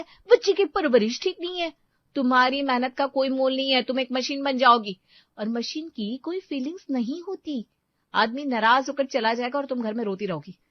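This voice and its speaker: Sharp-tongued angry cartoon housewife voiced by a woman, high and loud, harsh, sarcastic, dull lo-fi sound. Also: no echo. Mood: bitter. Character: angry scolding young housewife. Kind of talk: cartoon storybook voice acting. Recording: dull lo-fi voice track.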